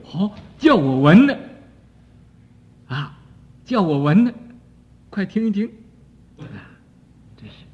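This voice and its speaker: An older man teaching Buddhist doctrine in a high, lively voice, drawing his words out slowly and scattering "ah" between phrases. He drops to near-whispers and then rises sharply. The dull archival recording carries a long hall reverb. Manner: slow, drawn-out delivery with frequent "ah" fillers, swinging between soft and loud. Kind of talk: dharma lecture on a sutra commentary.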